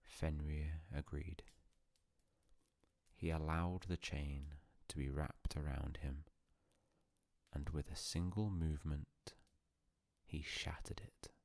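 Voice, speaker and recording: Male sleep-story narrator: gravelly, close and dry, calm, solemn, hushed delivery with long pauses. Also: a bass voice, no room sound.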